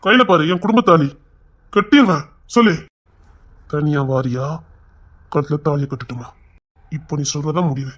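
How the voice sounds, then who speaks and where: A man's voice: on the high side, moderate pace, pauses often, a bit bright. A man playing a brash young man who challenges the woman he loves, then turns guilty and pleading. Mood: defiant. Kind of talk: screen drama acting.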